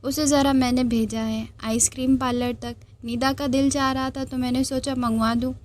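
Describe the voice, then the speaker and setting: A calm, smug young man, as a woman reading a novel puts him on, teasing in an offhand, unhurried way. The voice stays a little high, with no real attempt to deepen it. An audiobook of a romance story. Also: a little hiss or hum, close to an everyday voice.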